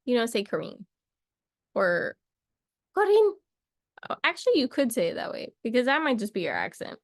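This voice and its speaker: A woman's voice: on the high side, big pitch swings, quick pace, dry recording, studio quality. A young woman teaching a casual English lesson to camera, chatty and playful, wandering off into little asides.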